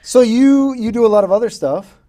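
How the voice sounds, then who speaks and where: A woman's voice: a little high, fairly quick, mellow. A woman hosting a podcast interview, tossing in short, encouraging questions and remarks. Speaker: podcast host. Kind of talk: casual interview chat.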